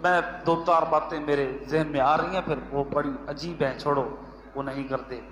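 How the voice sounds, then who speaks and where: A man with a Punjabi accent preaching a sermon, chanting Arabic verses slowly and then explaining them with emphatic repetition. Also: fairly high pitch, steady tone, fairly bright tone. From Pakistan, Punjab. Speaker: religious scholar giving a weekly lesson. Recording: echoey hall with long reverb, faint ambience.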